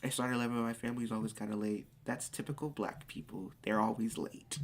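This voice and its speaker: A speaker in their late teens chatting casually on a live stream, reading viewers' questions aloud and answering in excitable bursts. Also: medium pitch, fairly quick, a little hiss or hum.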